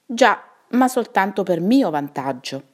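A woman's voice: mid-range voice, sing-song, unhurried. A woman voicing a sad, talkative old male wizard in a bedtime story, wistful and self-pitying.

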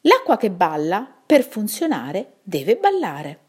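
A woman's voice: mid-range voice, wildly swooping pitch, takes it slowly, darkish tone, slightly rough, full character voice. A woman voicing a wise old male owl who chuckles and patiently explains, in a children's storybook. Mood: amused.

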